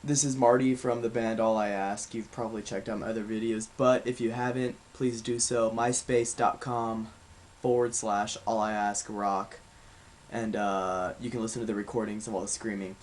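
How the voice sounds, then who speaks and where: A man's voice: lowish voice, normal speed. Young man casually teaching vocal technique. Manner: relaxed, rambling, with fillers. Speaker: vocal coach. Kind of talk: casual video lesson.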